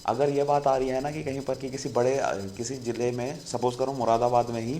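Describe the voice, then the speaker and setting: A YouTube channel host talks in a casual, conversational monologue, explaining things and repeatedly calling his viewers "friend." His medium-pitched voice is level, brisk and dark in tone, with slight background noise.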